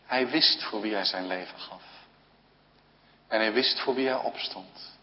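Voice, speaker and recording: A man preaching a sermon at a slow, earnest pace, with long pauses between short phrases. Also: fairly low pitch. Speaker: pastor. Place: church. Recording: dull, lo-fi recording with long church reverb.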